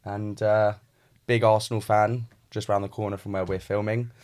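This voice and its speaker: A British man chats casually as a podcast co-host. His voice is on the low side. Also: flat delivery, normal speed, a little mellow. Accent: British English.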